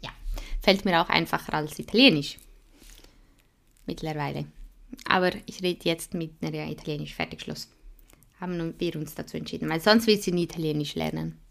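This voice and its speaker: The host's voice sits low and a bit bright, brisk but with vocal fry and long pauses. She's a chatty young Swiss woman, a Swiss German native, laughing frequently and dropping lots of fillers in casual podcast talk.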